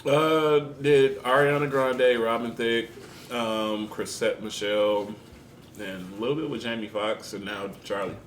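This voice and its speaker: A young man, a guest musician, answering interview questions in a relaxed, casual way and filling his talk with "like" and "um". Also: a little slow. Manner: relaxed, lots of "like" and "um" fillers. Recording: roomy echo with faint rumble.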